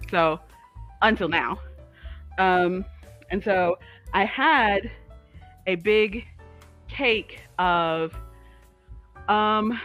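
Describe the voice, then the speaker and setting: A woman co-hosting a livestream chats casually about crafts, rambling and getting sidetracked easily. Her voice is medium-pitched and a bit bright.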